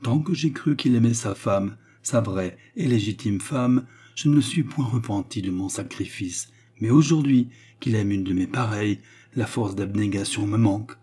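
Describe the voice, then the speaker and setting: A man's voice: lowish voice, normal speed, mellow, husky. Man voicing a fierce, clipped courtesan woman. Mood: grave. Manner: clipped, jerky, metallic speech. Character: fierce hard-handed young Parisian courtesan woman. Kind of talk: audiobook character reading.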